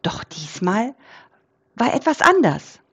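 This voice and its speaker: A woman reading a children's story aloud, expressive and unhurried. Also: on the high side, slightly rough, lo-fi sound.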